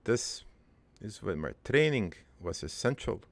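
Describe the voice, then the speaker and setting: A man improvises a first-person monologue as a gravelly old cartoon father recounting his life story from beyond the grave. He rambles haltingly with crude, deadpan humour and a wistful, doting side. His voice is on the low side and heavily creaky, unhurried, close, dry, and free of echo.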